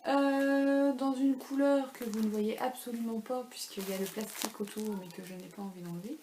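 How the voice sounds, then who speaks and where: Chatting casually from a room at home, a knitting podcast host in her thirties rambles and pokes fun at herself, using plenty of fillers. Her warm voice sits on the high side, with fairly even intonation and a moderate pace. There's echo and faint ambient noise.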